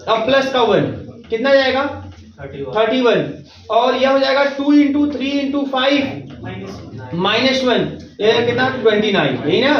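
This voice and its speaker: A man with a high voice teaches a math class. He walks through each step slowly and keeps asking if everyone is following. He sounds echoey and set back from the mic, and the recording is a little dull. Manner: reassuring, repeats checks like "theek hai na". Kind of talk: classroom lecture. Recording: roomy, distant, dull recording.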